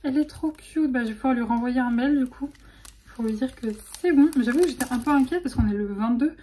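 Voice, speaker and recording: A young woman chatting excitedly in a casual vlog, full of fillers and restarts. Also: sits high, fast, slight background noise. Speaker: vlogger.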